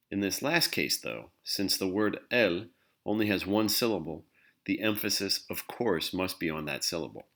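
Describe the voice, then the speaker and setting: Male language teacher, very low voice, patient scripted explainer. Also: a bit bright. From English-speaking country. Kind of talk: scripted instructional narration.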